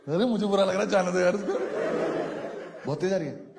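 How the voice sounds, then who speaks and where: A man's voice: high voice, brisk, creaky, heavy background noise. A man doing a stand-up comedy set, telling a story and acting out the other people's lines. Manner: storytelling, acts out dialogue, talks to the crowd. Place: comedy club stage.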